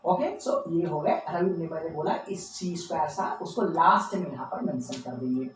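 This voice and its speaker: A man's voice: a little high, moderate pace. A male teacher giving a biology lecture, drilling memory tips by chanting lists of names and repeating them. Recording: echoey room, distant mic, faint background hum.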